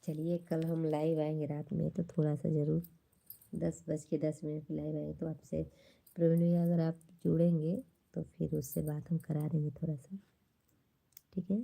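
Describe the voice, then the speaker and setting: A young woman with an Awadhi-tinged Hindi accent chats casually with viewers on her livestream. Her voice sits low and dark, with a gravelly edge. She talks bluntly and scolds anyone who leaves rude comments. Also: level tone, normal speed. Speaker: livestream host.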